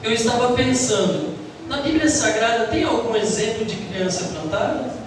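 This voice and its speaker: A man's voice: very high-pitched, lively intonation, moderate pace, noisy background. A man in a church children's ministry, prompting the teacher with a question. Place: church hall. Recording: echoey church hall, far from mic.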